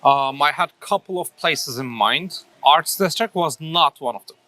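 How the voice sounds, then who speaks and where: A man's voice: on the high side, expressive, moderate pace, pushed and bright. A man from Turkey in his thirties, a coffee shop owner answering interview questions thoughtfully, with many fillers and restarts.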